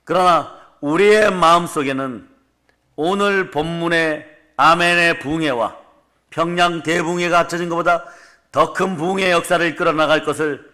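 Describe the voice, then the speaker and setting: A man preaching a fervent revival sermon to a congregation, declaring blessings and prompting the listeners with quick tag questions. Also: on the high side, pushed and bright. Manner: emphatic declarations answered by the congregation. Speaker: pastor. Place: church service before a congregation.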